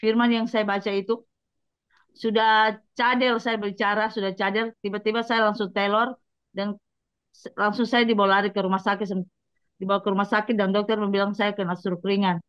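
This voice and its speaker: A woman's voice: medium pitch, level tone, brisk, fairly bright tone, smooth, no room sound. Woman evangelist, earnest testimony, addresses listeners directly, muffled dry recording. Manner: earnest, speaks straight to listeners. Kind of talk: personal religious testimony. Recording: dull lo-fi dry sound.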